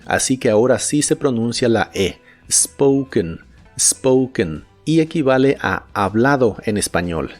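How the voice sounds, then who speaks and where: A male teacher delivers a scripted lesson at a mid pitch, explaining each point plainly. He slows right down for each example phrase and says it with care. Soft music plays behind him. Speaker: language teacher.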